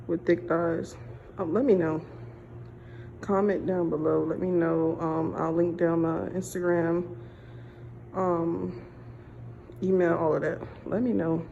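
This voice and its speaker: A woman's voice: lowish voice, gravelly, dark tone, muffled recording. A woman casually talking to her viewers in a vlog from the gym and her car, chatty and cussing freely, calling them y'all. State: out of breath. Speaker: vlogger. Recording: noisy phone recording, ambient background.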